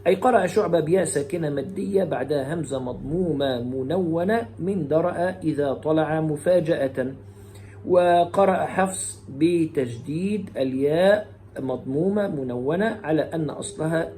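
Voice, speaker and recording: Mellow-voiced man teaching Quran recitation. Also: fairly high pitch, a little hiss or hum. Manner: alternates brisk explanation with slow melodic chanting of verses. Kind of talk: lesson on variant Quran readings.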